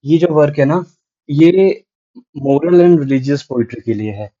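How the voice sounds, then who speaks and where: A man's voice: fairly high pitch, lively intonation, slow pace, mellow. A man teaching a literature lecture in mixed Hindi and English, explaining patiently and checking in with "right?". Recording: dull lo-fi sound.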